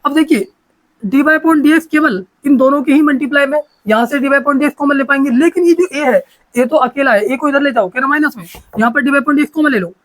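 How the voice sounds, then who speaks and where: A man's voice: very high voice, fast talker, fairly bright tone, rough recording. A man teaching a maths lesson, talking in a repetitive, coaxing way and often checking that students follow.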